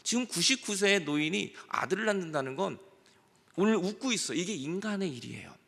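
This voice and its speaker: A middle-aged pastor preaching with a lively, swooping delivery and a gravelly edge to his bright voice. He acts out the dialogue in little quoted voices. His sermon rings with the long reverb of the church sanctuary. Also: high voice, brisk.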